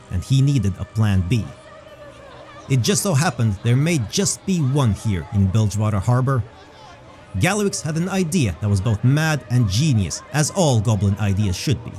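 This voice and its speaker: Reading from a fantasy script, a man tells the story in a measured, descriptive manner. His tone is dark and mellow at a middle pitch, with soft music in the background.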